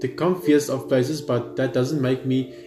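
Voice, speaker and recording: This man hosts gaming videos, narrating the story text and adding commentary as he plays, now and then fumbling a word. His mid-range voice is level and unhurried. The recording carries a roomy echo and soft game music.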